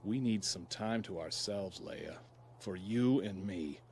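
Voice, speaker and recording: Han Solo, roguish, wry space smuggler. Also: male voice, deep voice, slow, a little mellow, a little hiss or hum. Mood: coaxing, flirtatious. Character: roguish ex-smuggler husband, wry, restless, romantic. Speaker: actor in an audio drama. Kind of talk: dramatic radio-play acting. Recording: music bed behind the voice.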